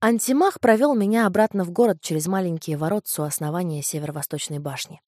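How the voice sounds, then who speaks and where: A woman narrates a first-person novel in a measured, intimate way. Her voice is on the low side for a woman. The recording is close and dry, with no room sound. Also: darkish tone, no echo. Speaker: audiobook reader.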